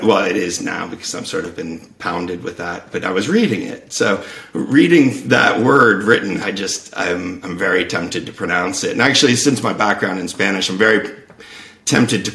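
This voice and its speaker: Low gravelly man in an echoey room. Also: a bit bright. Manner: thoughtful, explains at length. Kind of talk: casual conversational explaining.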